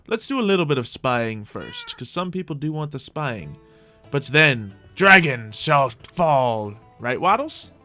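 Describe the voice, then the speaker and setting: His voice sits in the mid range with a sharp tone, big pitch swings, and a measured pace, and faint music is audible underneath. He hosts a game roleplay stream, giving whimsical, wandering commentary in character while theatrically engaging his audience.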